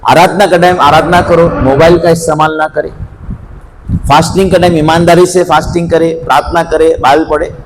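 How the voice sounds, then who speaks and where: A man's voice: fairly high pitch, little pitch movement, a little fast, background noise. A man preaching a sermon as pastor, scolding his flock and telling comic stories along the way.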